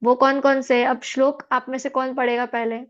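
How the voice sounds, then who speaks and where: A woman's voice: high-pitched, little pitch movement, normal speed, a bit bright. A woman teaching a scripture class, patiently explaining and checking in with her students. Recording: dull lo-fi audio.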